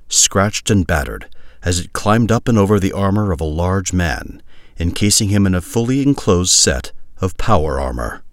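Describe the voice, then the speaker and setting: Deep-voiced deadpan male narrator. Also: no room sound, studio quality. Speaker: audiobook narrator. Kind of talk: scripted narration of a comic sci-fi story.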